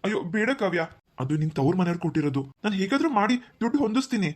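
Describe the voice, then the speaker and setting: A woman's voice: mid-range voice, sing-song, darkish tone. A woman voicing a poor, selfless older brother in a cartoon who soothes his sister. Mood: soothing. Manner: soothing, fatherly, quick reassurance. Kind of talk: cartoon voice acting.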